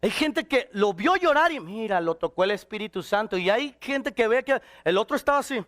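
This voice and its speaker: Preacher guy, high voice, goes from yelling to soft and back. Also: lively intonation, a little fast. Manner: swings from shouted to quiet and intimate. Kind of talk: sermon.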